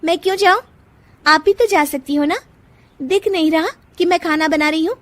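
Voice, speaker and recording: A woman voicing a sharp-tongued young wife who argues back in shrill, combative retorts, for a cartoon. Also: normal speed, dry recording. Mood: defiant.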